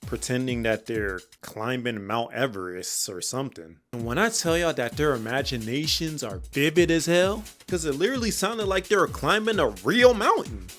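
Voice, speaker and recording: A man's voice: mid-range voice, fairly bright tone. A man giving comedic commentary on cartoon episodes, joking and ranting in slangy speech. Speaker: cartoon reviewer.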